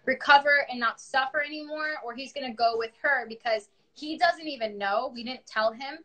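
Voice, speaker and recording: A woman's voice: high-pitched, normal speed, sharp tone. A young woman from New York with a New York accent, chatting candidly about her music on a livestream. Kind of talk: casual livestream chat.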